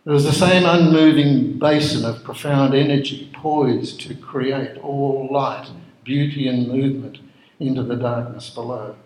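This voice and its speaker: A man's voice: medium pitch, measured pace, a little mellow. Solemn male storyteller in an echoey room. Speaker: narrator. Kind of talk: dramatic scripted story narration. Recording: roomy echo.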